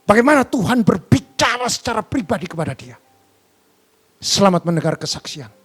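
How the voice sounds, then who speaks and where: A man's voice: high-pitched, very animated, fairly quick, fairly bright tone, slightly rough. A man with an Indonesian accent, a pastor giving an earnest church sermon introduction and prayer to his congregation. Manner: earnest preaching address to the congregation.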